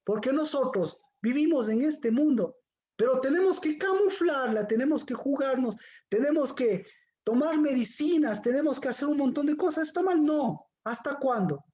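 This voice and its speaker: A woman's voice: high voice, animated, moderate pace, mellow, lo-fi sound. A woman giving a Bible teaching, firing rhetorical questions at her listeners.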